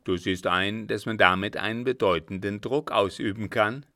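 A man's voice: lowish voice, normal speed, bright, forceful tone, no room sound, studio quality. A man voicing a selfish, scheming old man who mocks and bargains in a sardonic, calculating way.

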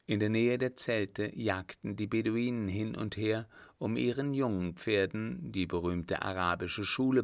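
A man narrating a novel aloud in a steady, measured reading. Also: lowish voice, gravelly, dry recording. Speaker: audiobook narrator. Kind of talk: scripted narration.

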